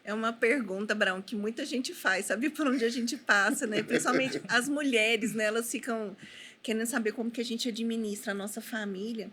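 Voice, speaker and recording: A woman speaking as a podcast guest in a lively, emphatic way. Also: a little high, brisk, slight background noise. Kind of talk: casual podcast conversation.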